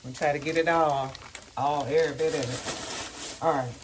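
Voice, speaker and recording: A woman's voice: deep voice, steady tone, normal speed, background noise. A woman, chatting with viewers in a casual home cooking vlog and thinking aloud as she cooks. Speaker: home cook vlogger. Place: home kitchen. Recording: home kitchen audio with loud frying sizzle. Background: frying and sizzling in a pan.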